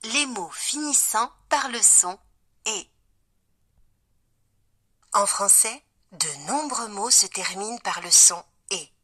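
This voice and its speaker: A woman with a bright voice explains a spelling lesson to children. She speaks slowly and calmly. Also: mid-range voice. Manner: calm, slow explaining. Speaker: teacher voice of a learning app.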